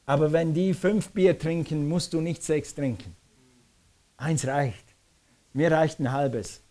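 A man preaching a lively sermon, acting out scenes as he speaks. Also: fairly high pitch, slow pace. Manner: animated preaching, acts out scenes. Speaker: pastor.

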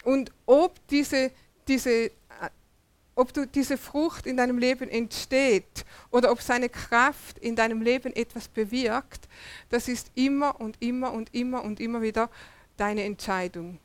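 A woman's voice: a little high, fairly even intonation, unhurried, dry recording. A woman preaching a sermon, asking rhetorical questions and repeating words for emphasis.

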